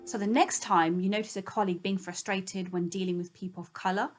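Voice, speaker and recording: A woman from Zimbabwe, mid-pitched, speaks steadily and with purpose. Soft music plays faintly under her voice. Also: steady tone, brisk. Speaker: interviewee.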